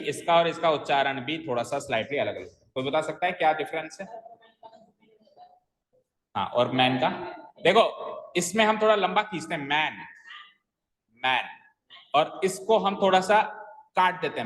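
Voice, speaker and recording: A man's voice: on the high side, fairly bright tone. A man teaching a grammar lesson in a classroom, explaining step by step and quizzing his students with questions. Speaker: English teacher. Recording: echoey classroom with long reverb.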